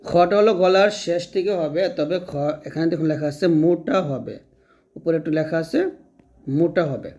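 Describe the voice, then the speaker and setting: Guy teaching letter sounds, kinda high voice, patient, says each one slow and again. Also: a little mellow. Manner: patient, repeats each letter slowly for learners to follow. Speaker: Quran recitation teacher. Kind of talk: step-by-step pronunciation lesson.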